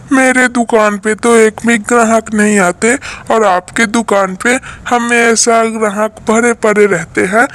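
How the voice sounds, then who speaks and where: A man's voice: very high-pitched, a bit bright. A man voicing a sly, jealous male crow in a cartoon story, with a whiny, scheming way of talking. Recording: echoey roomy recording.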